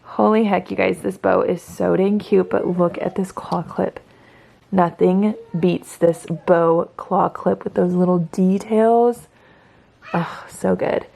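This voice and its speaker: Low, gravelly-voiced mom vlogger. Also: female voice, steady tone, takes it slowly, mellow. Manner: gushing, filler-heavy talk. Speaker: stay-at-home mom vlogger. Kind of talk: casual vlog chat. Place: at home.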